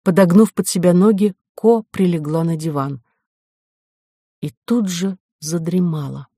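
An audiobook narrator reading a science fiction story in a measured, even storytelling manner. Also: medium pitch, no room sound, studio quality.

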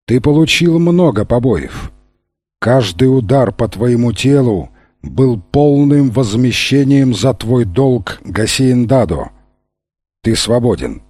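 A man voicing a soft-spoken blind bandit judge, husky and slow. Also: mid-range voice, lively intonation, no echo. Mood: solemn. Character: blind old bandit judge, gentle and solemn.

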